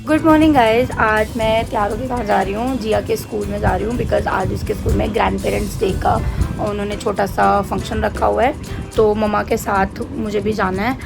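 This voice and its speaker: A woman vlogger chatting casually into a handheld phone camera at home, animated and laughing at herself. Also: medium pitch, a little fast, gravelly, over music. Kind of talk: casual vlog chat in Hindi mixed with English. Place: at home getting ready.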